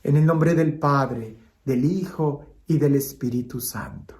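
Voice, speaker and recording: In a mid-range male voice, the priest delivers his Advent homily slowly and dramatically, alternating emphatic lines with quiet, hushed moments.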